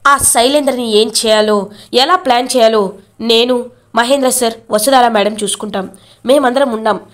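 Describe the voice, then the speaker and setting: A woman's voice: a little high, moderate pace, natural voice. A woman voicing a young man, a remorseful hired thug who turns protector, speaking earnestly and pleadingly.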